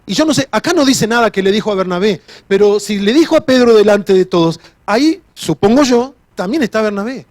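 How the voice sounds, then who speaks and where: A man delivers a sermon in a high voice. He is earnest, often restarts a sentence and repeats key phrases. The sound is dry and close. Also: expressive, a little fast, hardly any pauses, a little mellow, no room sound. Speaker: pastor.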